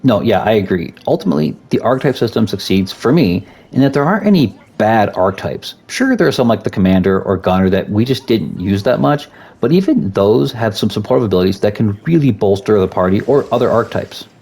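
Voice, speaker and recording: Dad co-host, low-pitched man, animated read, scripted game review. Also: a little fast, few pauses, husky. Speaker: parent co-reviewing a game with his son.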